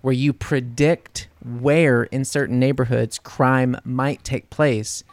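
A man's voice: medium pitch, takes it slowly, no room sound. A man from New Orleans hosting a casual interview, telling stories with acted-out voices and frequent laughter. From New Orleans, USA. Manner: animated storyteller, acts out quoted voices, laughs often. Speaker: podcast host.

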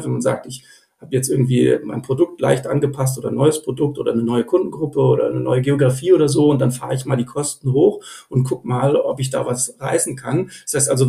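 A man's voice: mid-range voice, vocal fry, mellow, reverberant. A man speaking as an investor guest on a podcast, thinking aloud with many fillers and restarts. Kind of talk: podcast interview.

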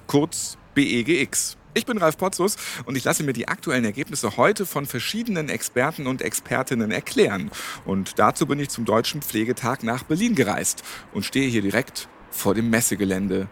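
Man, podcast host, clear structured delivery, animated intonation, faint ambient noise. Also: medium pitch. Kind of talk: moderated reporting and interview questions. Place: at a trade fair venue.

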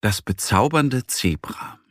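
A man narrating a children's story slowly and gently, with a husky voice. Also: on the low side, no echo, studio quality. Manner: slow, gentle, expressive.

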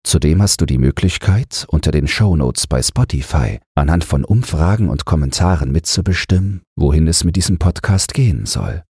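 A man reading rhyming verse aloud for an audiobook podcast, in a measured, rhythmic way. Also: a bass voice, lively intonation, dark tone, slightly rough, no room sound, clean studio sound.

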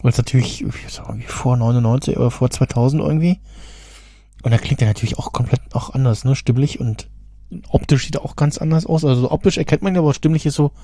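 Male podcast co-host, rambling casual talk, warm dark voice, dry booth sound. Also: mid-range voice, fast, dry recording. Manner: rambling, many fillers and restarts. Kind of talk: casual chat.

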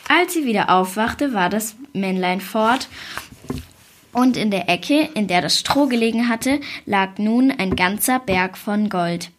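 A woman reading a fairy tale aloud at a middle pitch. Her telling is calm and steady, the kind of voice used for reading stories to children. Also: measured pace. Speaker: story reader. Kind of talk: storybook reading.

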